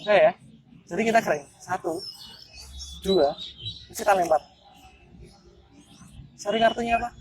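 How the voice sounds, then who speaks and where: A man's voice: high voice, moderate pace, long pauses, background noise. A young man, performing street magic outdoors in a park and teasing the people he plays with in a chatty, playful way. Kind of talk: casual street performance patter.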